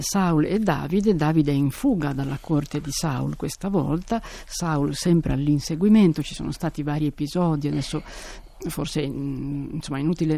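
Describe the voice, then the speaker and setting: Mellow gravelly male interviewer. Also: fairly high pitch. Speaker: host, interviewer. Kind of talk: interview questions.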